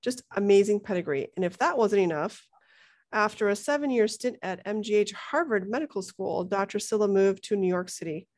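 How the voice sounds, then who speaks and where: A woman's voice: medium pitch, a little mellow. A woman co-hosting a podcast, introducing a guest in a partly read, biographical style.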